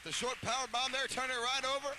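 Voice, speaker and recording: A man giving excitable play-by-play wrestling commentary, calling moves in clipped phrases. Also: very high voice, quick pace, noisy background.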